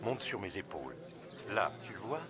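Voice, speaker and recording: A man playing a calm, earnest character in a children's Bible storybook. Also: low voice, normal speed. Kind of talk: acted storybook dialogue.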